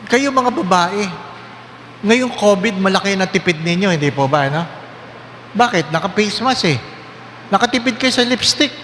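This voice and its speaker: A high-voiced priest preaches with lively humor and keeps questioning his listeners. His voice rings through a large hall with long reverb and a faint hum of ambience. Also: normal speed, pauses often. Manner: lively, questioning the congregation, joking. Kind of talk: sermon.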